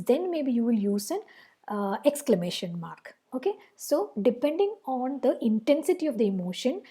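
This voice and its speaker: Female grammar teacher, Indian English accent, fairly high breathy voice; patient, repeats examples. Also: dark tone. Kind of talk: explanatory lesson.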